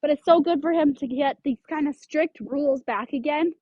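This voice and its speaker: A woman's voice: sits high, moderate pace, dry recording, highs cut off. A woman dog trainer explaining leash handling step by step, giving firm short commands to a dog. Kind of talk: instructional demonstration.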